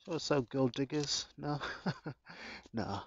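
A man giving a casual how-to narration in his garden, relaxed and chatty with jokey asides, recorded on a handheld phone. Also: on the high side, slow pace, breathy edge, dull audio. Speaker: gardening vlogger. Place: home garden, outdoors.

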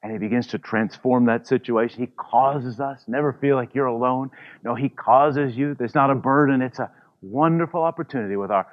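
A man's voice: medium pitch, normal speed. Man, pastor, conversational sermon, frequent asides, dull lo-fi recording. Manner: warm, conversational preaching with frequent "you know" asides.

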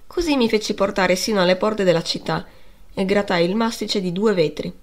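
A woman's voice: mid-range voice, brisk, lightly acted. A woman reading the part of a timid, tearful schoolboy explaining himself to his teacher. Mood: pleading. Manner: pleading, earnest.

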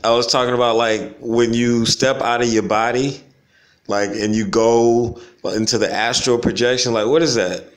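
A laid-back man thinking aloud to his viewers, his talk loose and full of slang. He drifts from point to point in a reflective, rambling monologue, breaking into easy chuckles now and then. His pitch sits in an ordinary middle range for a man. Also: fairly even intonation, moderate pace, slight background noise. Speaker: vlogger. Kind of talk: casual stream-of-consciousness monologue. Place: home in the Caribbean.

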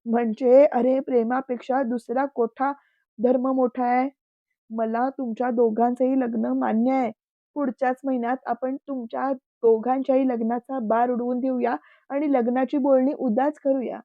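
Woman voicing dignified uncle, grave, gently kind, storybook reading, dry close sound. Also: very high voice, a little slow, no echo, phone-quality sound. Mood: kindly.

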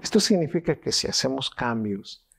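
A man's voice: medium pitch, very animated, moderate pace, gravelly, a bit bright, husky. A middle-aged man with a Mexican Spanish accent, a neuroscientist explaining things with animation and acting out quoted voices. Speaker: neuroscientist guest. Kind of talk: explanatory interview talk.

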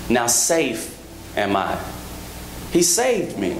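A man's voice: wildly swooping pitch, extremely slow. Man in his thirties preaching in an echoey church. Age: 30s. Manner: rhythmic preaching, rising to high emphatic peaks; joking asides to the congregation. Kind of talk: sermon. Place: large church sanctuary, at a pulpit. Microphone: handheld microphone. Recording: echoey church hall with background noise.

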